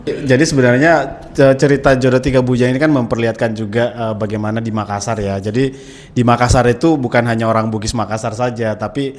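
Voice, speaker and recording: A man's voice: mid-range voice, steady tone, fast talker. A man speaking as an actor guest in a casual interview, explaining things and using fillers.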